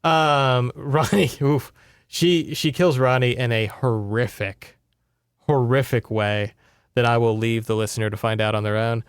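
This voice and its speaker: A man hosts a podcast in a clear, resonant, medium-pitched voice with a steady tone and unhurried pace. He casually recaps a horror novel, tossing in sarcastic, exasperated, sweary asides. The sound is clean studio audio with no room noise.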